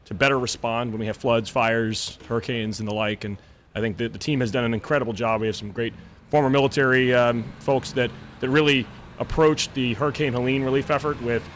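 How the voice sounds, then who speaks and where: A man's voice: medium pitch, steady tone, fairly quick, slight background noise. A man being interviewed on live radio as a company president, earnest and repeating words as he thinks.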